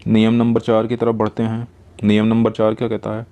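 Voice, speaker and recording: A man teaching a grammar lesson, working through examples and repeating each rule slowly. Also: lowish voice, completely flat delivery, warm tone.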